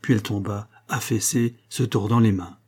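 A man narrating a novel chapter in measured, scripted storytelling. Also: lowish voice, steady tone, warm tone, breathy edge. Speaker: audiobook narrator.

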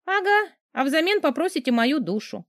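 Audiobook: woman reads a cheeky young heroine, bright lilting voice, dry booth sound. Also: a little high, big pitch swings, moderate pace, no echo. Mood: pert. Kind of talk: audiobook character reading.

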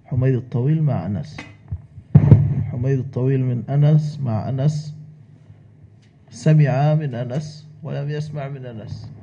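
A man teaching a religious lesson, giving brief corrections and deliberate explanations of the text. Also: medium pitch, dark tone. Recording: dull lo-fi sound with faint noise.

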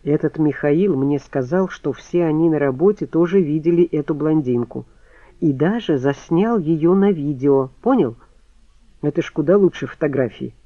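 A man voicing a brisk, sarcastic young widow in an audiobook, raised pitch and mocking retorts. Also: no room sound, highs cut off, lightly acted.

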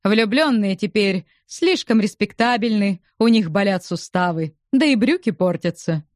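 An unflappable gentleman speaking in a deadpan, drily ironic way, as a woman narrator voices him. He appears in a storybook reading. The recording is close and dry. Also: medium pitch, normal speed, no room sound, close to an everyday voice.

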